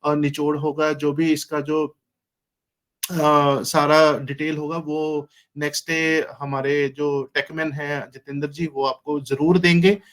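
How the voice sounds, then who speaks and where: A man's voice: a little high, little pitch movement, slow, a bit bright. Hesitant man making meeting announcements. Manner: hesitant, with many fillers. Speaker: meeting participant giving announcements. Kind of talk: casual announcement.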